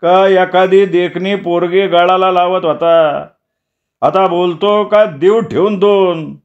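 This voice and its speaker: A man's voice: high-pitched, steady tone, slow pace, lo-fi sound, voice pushed up. A man voicing a suspicious village man who needles and accuses a stranger. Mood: accusing.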